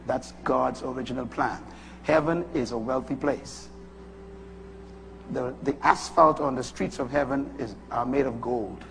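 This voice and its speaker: A man from the Bahamas with a Bahamian accent, preaching a sermon with emphatic bursts that rise high and drop low. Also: gravelly, a little hiss or hum. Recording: long hall reverb.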